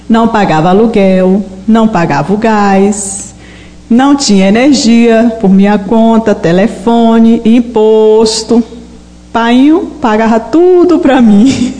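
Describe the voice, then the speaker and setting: A woman's voice: medium pitch, dark tone, long reverb tail. A woman preaching a sermon, emphatic and full of stories, acting out her prayers. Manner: emphatic, storytelling with acted prayers.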